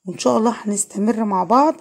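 Egyptian woman teacher, fairly high husky voice, patient explainer. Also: rapid-fire, darkish tone. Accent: Egyptian Arabic. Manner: patient, asks and answers her own questions. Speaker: French teacher. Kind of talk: online lesson explaining grammar.

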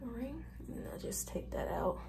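A woman's voice: a little high, expressive, moderate pace, gravelly, warm tone, a little hiss or hum. A young woman vlogger talking viewers through a hair tutorial in a casual, chatty, informal way. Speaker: beauty vlogger.

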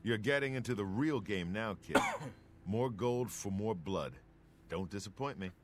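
Gruff, animated gladiator trainer. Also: male voice, fairly low pitch, a little slow. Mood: gruff, stern. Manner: tough, curt, condescending coaching. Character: gruff, taunting middle-aged male gladiator trainer. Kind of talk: video game character dialogue.

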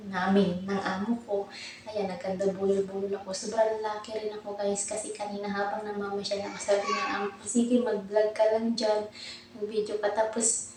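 Chatty, breathless woman vlogger, mellow voice, far from the mic in a roomy space. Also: mid-range voice, slight background noise. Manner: chatty, rambling, self-laughing. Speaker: vlogger, overseas domestic worker. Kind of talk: casual chatty vlog. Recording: echoey room, mic at a distance.

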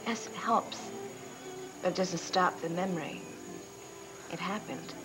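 A woman playing a quiet, insecure young wife. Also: fairly low pitch, unhurried, close to an everyday voice, poor audio. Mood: wistful. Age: young adult. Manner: quiet, hesitant, wistful. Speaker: soap opera character Trisha. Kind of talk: 1990s TV soap acting. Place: indoor studio set, dining room. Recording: soap soundtrack with music underneath.

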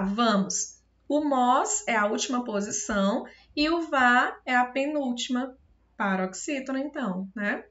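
A Brazilian woman teacher talks through a video lesson in a bright, fairly high voice. She goes step by step and keeps asking if everything is clear. The sound is muffled and lo-fi. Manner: patient, step-by-step, often checks understanding. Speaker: Portuguese teacher.

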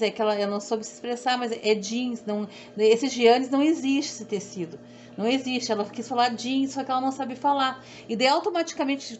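A middle-aged woman with a southern Brazilian accent, rambling and repeating herself in a chatty sewing tutorial. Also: on the high side. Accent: southern Brazilian Portuguese. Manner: rambling, repetitive, self-deprecating. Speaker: sewing instructor. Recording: dull audio with faint background hum.

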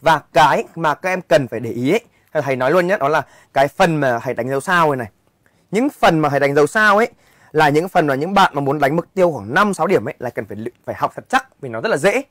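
A man's voice: a little high, lively intonation, fast talker, fairly bright tone, no room sound, clean studio sound. A young male English teacher, walking students through an exam in a chatty way and often checking if they follow. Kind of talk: exam walkthrough lesson.

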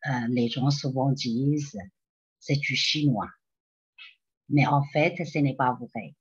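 Slow, careful Chinese-born woman teacher. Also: rumbling low, fairly even intonation, husky, dull audio. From China. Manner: slow, careful delivery to parents. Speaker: Mandarin teacher. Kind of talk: recorded school presentation. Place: small room indoors.

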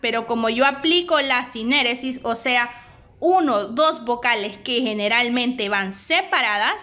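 Honduran spanish lady teacher, high bright voice, slow and careful. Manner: slow, deliberate, spells out syllables. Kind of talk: recorded grammar lesson.

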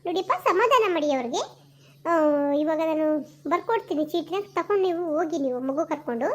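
A woman playing a brisk village doctor. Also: very high voice, animated. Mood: insistent. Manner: urgent, insistent, repeats instructions. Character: brisk female village clinic doctor, firm. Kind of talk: amateur village skit acting.

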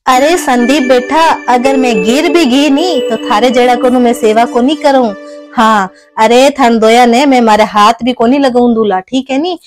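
A woman voices a sharp-tongued older mother in a Rajasthani comedy skit. Her voice sits high, and her Marwari accent is plain. She lectures in a scolding way and keeps pressing with tag questions. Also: fairly even intonation, normal speed, music in the background, natural voice. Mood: defiant. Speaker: skit actor.

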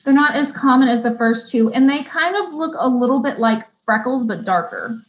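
A young woman teaching an online beauty school lesson, reading definitions slowly and chatting between them with easy laughs. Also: sits high, expressive, low-quality recording. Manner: chatty, laughs easily, stumbles and restarts; reads definitions slowly, then chats. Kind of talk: live online vocabulary lesson.

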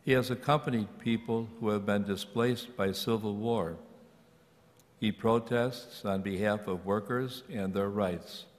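An older man, a priest, speaking in a measured, solemn liturgical way with a cathedral echo on his voice. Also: fairly low pitch, fairly even intonation. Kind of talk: liturgical reading and homily. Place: large church, at the lectern. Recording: echoey church hall, long reverb.

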